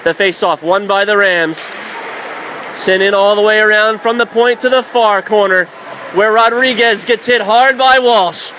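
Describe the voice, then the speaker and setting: This is live radio play-by-play of an ice hockey game, delivered by a man in short, vivid bursts from a noisy arena whose background sound comes through clearly. He has a high, sharp-toned voice and talks a little slowly.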